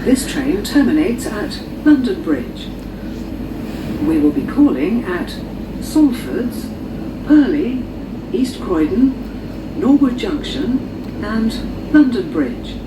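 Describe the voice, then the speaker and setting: A woman's recorded voice giving an automated train station announcement over onboard speakers, listing stops slowly and evenly. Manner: slow, measured, even delivery of station names. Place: inside a moving train carriage. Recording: distant echoey loudspeaker with train noise. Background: train rumble and air conditioning.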